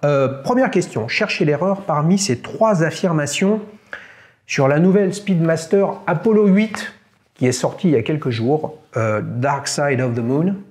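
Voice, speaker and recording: Playful quiz host. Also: male voice, fairly high pitch, expressive, normal speed, darkish tone. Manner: playful, teasing quizmaster. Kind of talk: casual interview and quiz.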